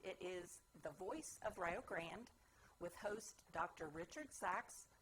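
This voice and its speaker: A woman with a slightly low voice gives a halting introduction as a presenter. Some background noise is present. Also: a bit bright.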